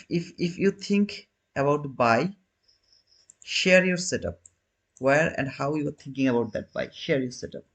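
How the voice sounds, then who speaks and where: A slightly high, husky male voice belongs to a man in his thirties who casually hosts a trading livestream. He chats with viewers and responds to their comments in loose, non-native phrasing, often restarting his sentences.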